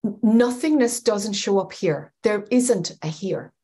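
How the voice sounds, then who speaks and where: A woman's voice: medium pitch, unhurried, breathy edge. Thoughtful woman teaching on a webcam. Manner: thoughtful, searching for words, animated hand gestures. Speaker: spiritual teacher. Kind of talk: reflective spoken teaching. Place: home room with bookshelves, indoors. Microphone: webcam on video call.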